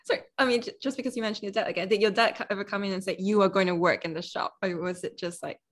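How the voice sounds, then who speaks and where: A young woman hosting a podcast interview over a video call, asking gentle, brief questions. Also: mid-range voice, fairly even intonation, rapid-fire. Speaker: podcast host. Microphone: video call with earphones.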